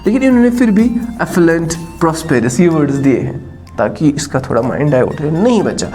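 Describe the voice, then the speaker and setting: A man's voice: a little high, moderate pace, soft background music. A man teaching an exam-prep lesson, calling his students "bachcha" and mixing English into his explanations. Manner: addresses students as "bachcha", mixes English and Hindi, lively.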